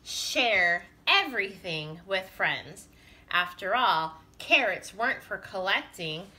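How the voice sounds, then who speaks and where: Gentle preschool teacher reading a storybook. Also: female voice, mid-range voice. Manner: gentle, expressive, with chatty asides. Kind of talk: reading a picture book aloud to children.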